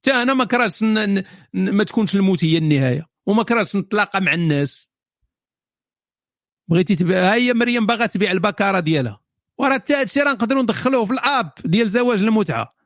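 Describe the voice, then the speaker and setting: Moroccan man, high voice, quick mocking monologue, dry close sound. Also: animated, a bit bright, no echo. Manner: sarcastic, mocking, rapid-fire. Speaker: host answering viewer questions. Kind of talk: solo monologue to camera.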